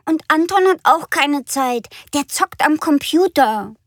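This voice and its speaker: A woman voicing a busy, hurried mother speaking from the kitchen. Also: high voice, expressive, no room sound, voice pushed up.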